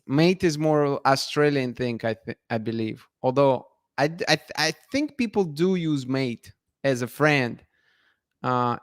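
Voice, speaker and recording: This is a man from Russia running a casual live-stream chat, responding to viewer comments with frequent restarts and laughter. He has a smooth, medium-pitched voice, captured in a dry, studio-quality recording.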